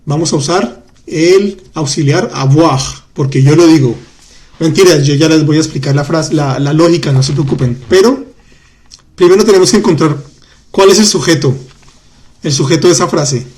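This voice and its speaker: A man with a somewhat raised voice runs a live online lesson. He chats with his viewers and answers them, then slows right down to repeat and spell out words. He sounds patient and easygoing as he explains the grammar. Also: on the high side, darkish tone. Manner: chatty, reads out student comments, repeats words slowly. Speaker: French teacher.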